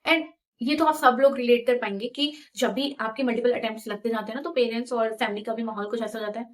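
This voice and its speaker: A young woman in her twenties casually telling her own story, chatty and animated, slipping English phrases into her talk. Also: fairly high pitch, fast talker. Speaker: vlogger.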